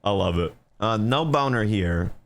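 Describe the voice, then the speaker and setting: A man's voice: on the low side, expressive, measured pace. A young man doing comedic commentary as he reads out reviews, joking in slangy speech and calling the listener bro. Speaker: YouTuber reading reviews.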